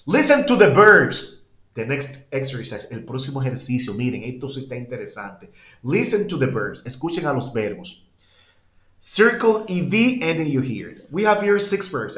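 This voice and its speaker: A man teaching an English class, explaining patiently and repeating words emphatically as he switches between two languages. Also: mid-range voice. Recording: echoey, dull-sounding room.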